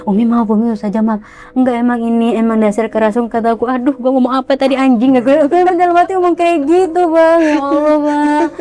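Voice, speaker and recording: A young woman excitedly telling a ghost story, acting out the voices of the people in it. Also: sits high, fast, soft background music. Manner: excited, animated, acts out quotes. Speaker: guest storyteller.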